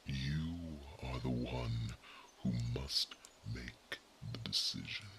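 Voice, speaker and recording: In an ASMR roleplay, a man voices an ancient, wise, non-human male guardian, softly whispering grave, measured counsel. He uses a full character voice with a gravelly bass, slight background noise is present, and the mood is solemn.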